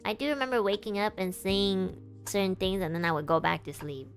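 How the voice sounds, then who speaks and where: A woman's voice: medium pitch, brisk, soft background music. A woman streamer telling a story in a casual, meandering way, full of filler words. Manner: meandering, filler-heavy recollection.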